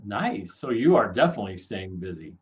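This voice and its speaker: A man's voice: on the low side, sing-song, fairly quick, lo-fi sound. A young man hosting a casual interview for kids, friendly and upbeat with joking asides. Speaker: host, school staff member.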